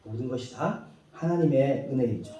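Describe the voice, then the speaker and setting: A man pastor delivering a sermon in a church, preaching with lively acted quotes and light laughs. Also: medium pitch, normal speed. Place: church sanctuary. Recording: echoey hall, mic far off.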